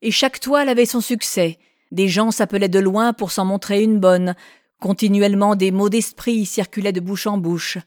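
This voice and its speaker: A woman narrating a classic novel in a measured, expressive reading. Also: medium pitch, no room sound, clean studio sound. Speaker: audiobook narrator.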